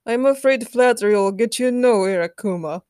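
A woman voicing a calm, good-natured male superhero, close to her own voice. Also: fairly high pitch, normal speed, clean tone, no echo, lightly acted. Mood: wry.

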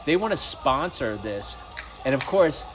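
A man's voice: medium pitch, a little slow, over music. A man chatting among friends on a casual podcast, swearing and telling stories. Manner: swearing, lively storyteller. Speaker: podcast co-host. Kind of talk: casual chat.

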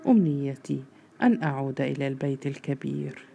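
A man voicing a weary young male laborer who is bitter and mocking, read in a storybook with mellow tone. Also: mid-range voice, a little fast, vocal fry, a little hiss or hum, natural voice. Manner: brooding, mocking.

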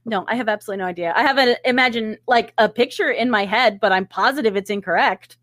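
A woman's voice: on the high side, fast talker, a bit bright, no echo, clean studio sound. A woman co-hosting a podcast in casual chat, enthusiastic and giggly. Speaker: podcast co-host.

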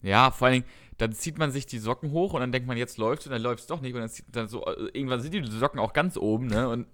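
A man in casual conversation on a darts podcast, with a voice of ordinary middle pitch. He rambles and corrects himself as he goes, often reeling off long lists of results. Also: fast talker, fairly bright tone. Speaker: podcast co-host. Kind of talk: casual chat about darts.

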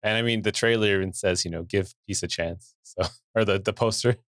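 A man's voice: fairly low pitch, a little fast, a bit bright, no room sound, studio quality. A man hosting a podcast, talking casually and enthusiastically with his co-host. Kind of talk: casual chat.

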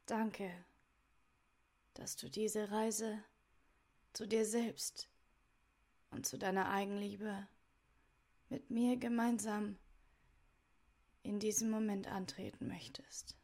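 A woman guides a meditation softly and soothingly. She speaks very slowly, in short, separated phrases. Her medium-pitched voice has noticeable creak and can fade toward a breathy near-whisper as phrases end. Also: steady tone.

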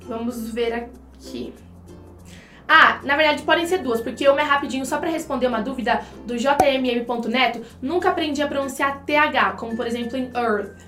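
In a conversational online English class, a Brazilian woman teacher and co-host explains things to viewers directly, leaning on examples. Her high-pitched, fairly bright voice moves at a normal speed. Faint music plays behind her in an echoey room.

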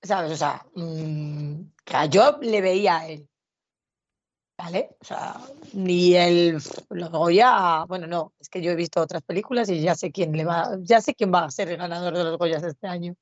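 Woman with a low voice chatting about movies, lots of ums, sounds kinda muffled. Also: measured pace. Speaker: podcast co-host. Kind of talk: casual film chat. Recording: dull lo-fi sound.

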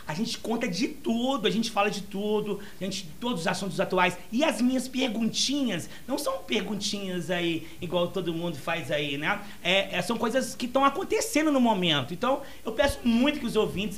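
A woman's voice: mid-range voice, fairly bright tone, slight background noise. A woman radio presenter talking casually in a studio, chatty and repeating herself with little tag questions.

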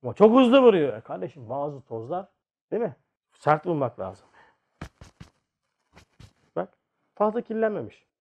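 A man giving a lively religious talk, asking rhetorical questions and acting out everyday scenes. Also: a little high, moderate pace, pauses often, breathy edge. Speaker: religious teacher. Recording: dull lo-fi recording.

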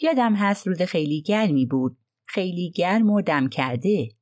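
Woman doing an aggrieved, low-voiced old housekeeper. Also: lively intonation, darkish tone, dry recording, clean studio sound, natural voice. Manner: indignant, aggrieved complaining. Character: prim, self-righteous older housekeeper woman.

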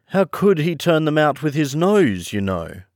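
A man voicing a mournful, sobbing Mock Turtle creature who complains insistently and sings slowly. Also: fairly high pitch, very animated, no echo, clean studio sound, pitched above the performer's own voice. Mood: fussy.

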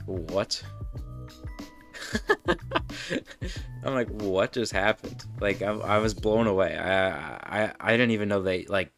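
Rambling young man with a low voice. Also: measured pace, creaky, long pauses, a bit bright, faint music behind. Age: young adult. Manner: rambling, self-interrupting, laughs often. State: burping, hiccups. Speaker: podcast host. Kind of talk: casual rambling monologue.

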